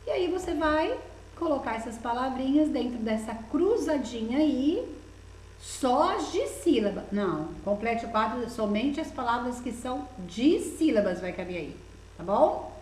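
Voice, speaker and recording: A woman's voice: a little high, very animated, unhurried, a little mellow, slight background noise. Patient Brazilian woman teacher, echoey room. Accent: Brazilian Portuguese. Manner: patient, coaxing, asks the child many questions. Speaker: primary school teacher. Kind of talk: recorded remote lesson walking through a workbook.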